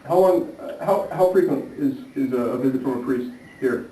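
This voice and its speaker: Casting: man, vlog host, mellow tone, hesitant chatty delivery, recorded from afar in an echoey room. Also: medium pitch, normal speed. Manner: hesitant, many fillers and restarts. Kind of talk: casual travel vlog chat. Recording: echoey room, distant mic, faint noise.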